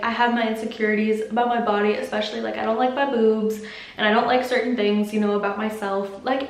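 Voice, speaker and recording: A young adult woman answering viewer questions in a casual vlog, candid and chatty, filling her talk with "like". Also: fairly high pitch. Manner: candid, chatty, heavy use of "like". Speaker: vlogger. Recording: roomy echo.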